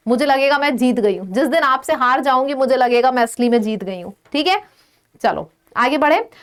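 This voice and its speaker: Indian woman tutor, high bright voice, rattles off synonym lists, slows down on the English words. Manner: lists many synonyms in a row, checks in with "ठीक है"; mixes Hindi with English words, slows down to stress English phrases. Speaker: English vocabulary teacher. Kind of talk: exam-prep vocabulary lesson.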